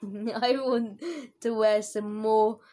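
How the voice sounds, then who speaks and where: A woman's voice: mid-range voice, flat delivery, drawn-out words, warm tone. A woman giving casual, giggly commentary over her own gameplay, laughing often and dropping internet slang. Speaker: gaming video host.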